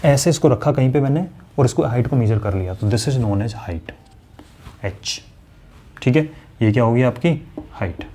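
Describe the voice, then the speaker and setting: A man teaches maths in a chatty, conversational way, speaking straight to his students and voicing their questions himself. His voice is mid-range and mellow, a little slow, with long pauses.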